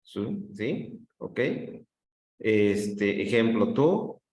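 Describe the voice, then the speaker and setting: A man's voice: fairly low pitch, sing-song, a little mellow. A man teaching an online class, drawing out words to show the stressed syllable and often checking in with "¿sí?". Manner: drawn-out demonstrations of stress, frequent checks with "¿sí?". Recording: roomy echo.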